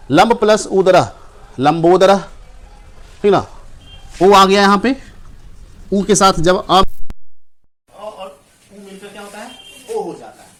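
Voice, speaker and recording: A man's voice: high-pitched, slow pace, long pauses, fairly bright tone. A male teacher explaining Hindi grammar step by step in a classroom lesson, often asking a question and then answering it himself. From Bihar, India. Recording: echoey room, mic at a distance.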